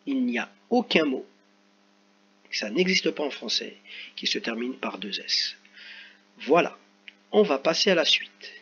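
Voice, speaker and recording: A man teaching young children, walking them patiently through a worksheet one step at a time and addressing them directly. His voice is bright and clear-edged. It comes through a slightly dull home recording with a faint ambient hum behind it. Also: mid-range voice, animated, measured pace, pauses often.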